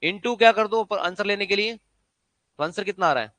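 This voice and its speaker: A man's voice: sits high, moderate pace, fairly bright tone, dry recording. A man teaching an exam-prep maths lesson, constantly quizzing students with rhetorical questions.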